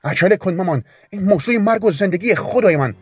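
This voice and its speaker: A man's voice: a little high, sing-song, a little mellow, husky, soft background music, voice pushed up, full character voice. A man voicing a restless, eager little girl who talks urgently and impatiently.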